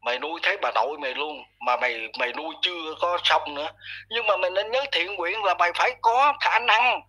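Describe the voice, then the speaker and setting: A man's voice: high-pitched, fairly quick, sharp tone, husky, poor audio. A man giving a blunt, scolding commentary monologue aimed at someone. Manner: blunt, scolding, addresses listener harshly. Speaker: online commentator.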